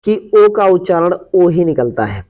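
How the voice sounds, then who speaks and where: A man teaching a pronunciation lesson, explaining step by step and slowly repeating example words. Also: high-pitched, very animated, darkish tone. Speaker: English teacher. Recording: dull lo-fi recording.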